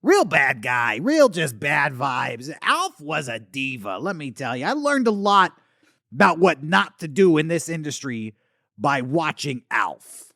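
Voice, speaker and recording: Man doing Scrunt, a gravelly boozy has-been alien. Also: on the high side, big pitch swings, measured pace, bright, forceful tone, no echo, clean studio sound, full character voice. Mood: bitter. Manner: rambling, slurry, swings between boasting and muttering. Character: washed-up male 80s alien puppet star, boozy and bitter. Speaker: talk show host character. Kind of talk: comedic character monologue.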